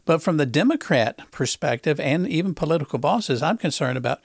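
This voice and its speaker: A male talk show host, interviewing in a halting way, repeating words and filling pauses with uh. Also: on the high side, lively intonation, breathy edge, no echo, studio quality. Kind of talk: conversational political interview.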